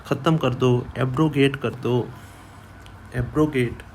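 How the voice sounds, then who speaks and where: A man's voice: medium pitch, fairly even intonation, slow pace, a little mellow, a little hiss or hum. A man teaching vocabulary for exams in Hindi, who repeats each word many times and asks and answers his own questions. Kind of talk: vocabulary lesson for exam students.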